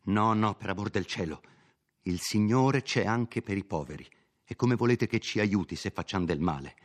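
A man reading a novel aloud, giving a timid, devout young village woman a gentle, pleading voice. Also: sits low, steady tone, a little slow.

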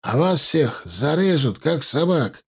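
A man's voice: fairly high pitch, very animated, slow, creaky, slightly rough, pitched above the performer's own voice, exaggerated voice. A man voicing a snapping young Chechen fighter. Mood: threatening. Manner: snapping, defiant, curt. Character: sullen hostile young male Chechen fighter.

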